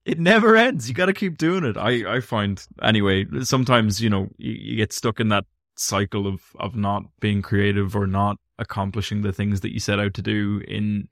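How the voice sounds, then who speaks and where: A man's voice: on the low side, steady tone, moderate pace, gravelly, few pauses, no echo, studio quality. A man hosting a casual interview, putting his questions and thoughts in a hesitant, thoughtful way.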